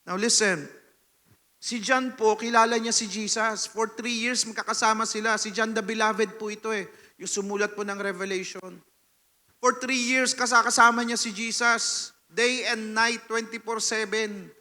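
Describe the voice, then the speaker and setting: A Filipino man preaching a sermon as pastor, telling a personal testimony with animated storytelling and frequent "no?" tag questions, swinging between loud and hushed. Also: high voice, moderate pace. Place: church hall. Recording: long reverb of a church hall.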